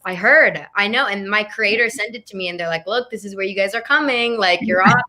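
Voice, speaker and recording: A woman's voice: mid-range voice, a little fast, bright, forceful tone. A teenage girl, an actress guest in a casual roundtable chat, easygoing and friendly. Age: teens.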